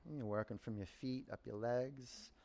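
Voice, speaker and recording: A man teaching yoga and meditation, giving guided instructions in unhurried short phrases with pauses between them. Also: medium pitch, steady tone, gravelly, mellow.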